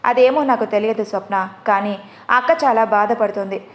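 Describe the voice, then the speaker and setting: A woman voicing a gentle young husband who speaks softly and reassures others, in a spoken storybook. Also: medium pitch, fairly even intonation, moderate pace, close to an everyday voice. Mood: grieving. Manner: soft, reassuring.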